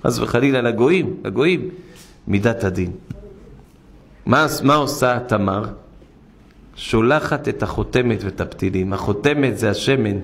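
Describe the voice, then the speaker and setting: A rabbi giving an impassioned sermon in a synagogue, firing rhetorical questions and dropping low to tell a parable. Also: male voice, creaky. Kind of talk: weekly Torah portion sermon.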